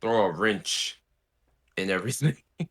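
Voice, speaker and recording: Animated male co-host, bright voice, jokey and profane, casual chat. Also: lowish voice, unhurried, breathy edge. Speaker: podcast co-host.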